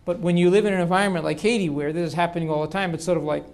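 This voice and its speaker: An older political science professor answers audience questions at length during a university lecture Q&A, often restarting his sentences. His voice is a little high, rapid-fire, and fairly even in intonation.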